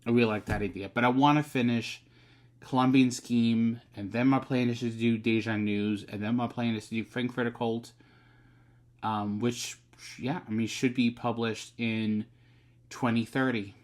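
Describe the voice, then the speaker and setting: Man in a casual vlog, a novelist addressing his future self; soft, rambling, filler-heavy, average pitch. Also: fairly even intonation, normal speed. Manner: rambling, soft-spoken, many fillers and restarts.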